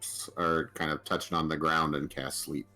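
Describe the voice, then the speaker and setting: A man playing a tabletop game, explaining his character's actions in a halting, casual way. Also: extremely low pitch, level tone, bright, forceful tone, faint music behind. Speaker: player.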